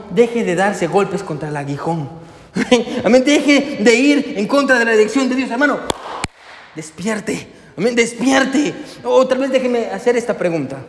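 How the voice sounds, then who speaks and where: A man preaching a sermon as pastor, emphatic and repetitive, firing question after question at the congregation and calling them brother. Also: very high-pitched. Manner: emphatic, repeats questions, addresses listeners as brother. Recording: echoey hall.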